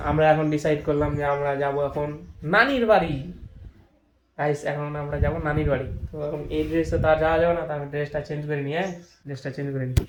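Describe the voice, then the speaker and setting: A man's voice: on the high side, a little hiss or hum. A chatty young man, vlogging casually around a village and market on a handheld phone, often calling out to his viewers. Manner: chatty, keeps addressing viewers. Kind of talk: casual walk-and-talk vlog. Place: village home and outdoor market stalls.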